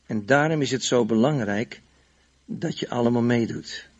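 A man's voice: mid-range voice, moderate pace. A male pastor preaching emphatically and leading his congregation in prayer, stretching out key phrases. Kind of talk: sermon and prayer. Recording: dull, muffled sermon recording.

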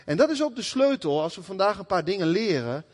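A man preaching a sermon in a lively, conversational way, often acting out the people he quotes. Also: sits high, a little fast, big-room sound.

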